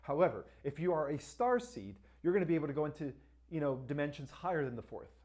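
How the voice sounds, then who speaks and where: A man's voice: a little high, animated, fast talker, a little mellow. A man with a Spanish accent hosting a live-stream question-and-answer session, talking emphatically and often checking in with "all right" and "right?". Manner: asks viewers to like and share. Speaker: livestream host.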